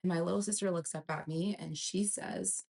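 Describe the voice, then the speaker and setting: Young woman, low-pitched, earnestly telling her own heartbreak story. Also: fairly even intonation, normal speed, gravelly, a little mellow. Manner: earnest, emotional retelling. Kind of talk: personal storytime.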